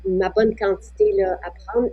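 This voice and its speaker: Husky-voiced Quebec woman hosting. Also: medium pitch, little pitch movement, normal speed, dry recording, highs cut off. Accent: Quebec French. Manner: chatty, shares personal habits. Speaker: host of the show. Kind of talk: casual chat, reading viewer questions.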